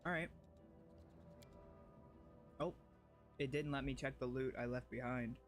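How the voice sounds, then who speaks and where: A man's voice: mid-range voice, steady tone, measured pace, soft background music. Chatty guy streaming a game. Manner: chatty, rambling, self-deprecating. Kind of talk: casual gameplay commentary.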